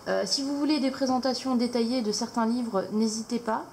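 Hesitant woman with a gravelly voice. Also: fairly high pitch, fairly quick, a little mellow, a little hiss or hum, poor audio. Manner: hesitant, many fillers. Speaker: craft channel host. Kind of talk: casual haul video.

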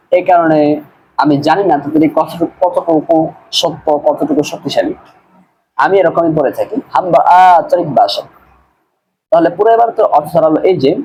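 In a recorded on-screen lesson, a man translates a text line by line, word by word, patiently repeating and fixing pronunciation. He teaches grammar at a madrasa, and his darkish, fairly high voice comes through a rough recording with slight background noise.

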